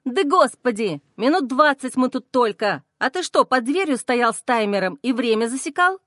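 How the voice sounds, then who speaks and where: A woman voicing a sharp-tongued, mocking young woman in an audiobook, with a sugary, singsong tone. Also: a little high, expressive, moderate pace, dry recording, clean studio sound. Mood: angry.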